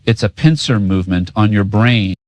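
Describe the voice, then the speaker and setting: A man with a slightly low voice plays co-host in a scripted political rant. He talks in sarcastic, cynical street language full of swearing. The recording is dry, with hardly any room sound. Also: normal speed, darkish tone, dry recording.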